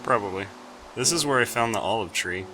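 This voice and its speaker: A man's voice: on the low side, fairly quick, sharp tone, a little hiss or hum. A young man co-playing a game, answering in short, laid-back replies. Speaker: co-player. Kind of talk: casual gameplay chat.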